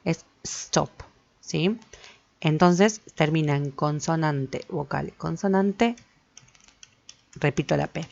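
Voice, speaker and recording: Casting: low-voiced woman teacher, patient, checks in often; gravelly edge. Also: slow pace, long pauses, darkish tone. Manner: patient, repeats points and checks with "¿sí?". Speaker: English teacher. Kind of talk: explaining grammar to students. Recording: slightly dull lo-fi recording.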